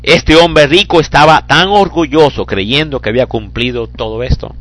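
A man preaching a sermon, rising to emphatic bursts and dropping to hushed asides. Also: on the high side, normal speed, no echo, low-quality recording.

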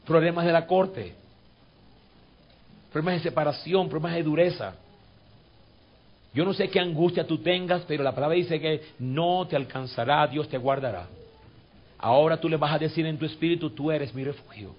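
A man with a fairly high voice preaches and leads prayer as a pastor. He drills the same scripture lines over and over, rising to fervent outbursts and then falling to a gentle murmur. The recording sounds dull and lo-fi. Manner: builds to fervent peaks, then drops to soft coaxing; repeats phrases and drills scripture. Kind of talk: sermon with guided prayer.

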